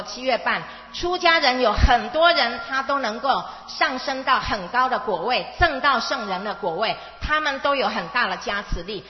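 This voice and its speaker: A woman teacher telling a story and explaining it to young children in simple words, with emphatic repetition and questions, as if to little ones. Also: on the high side. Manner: simple, question-and-answer talk as to small children; emphatic, repeats key words. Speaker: Buddhist teacher (dharma master) of a children's class. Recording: echoey hall, dull muffled sound, music.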